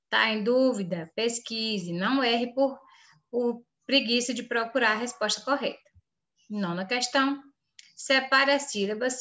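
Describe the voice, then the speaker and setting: Brazilian lady teacher going over a test, bright highish voice, firm and insistent. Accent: Brazilian Portuguese. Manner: firm, repeatedly urging students not to make mistakes. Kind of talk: reading through an exam for pupils.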